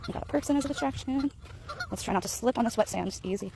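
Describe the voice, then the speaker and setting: A woman dog trainer walking a dog in an outdoor park, explaining calmly and praising the dog in high sing-song bursts. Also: quick pace, gravelly, noisy background. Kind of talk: casual vlog narration while training a dog. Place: outdoor park path near geese.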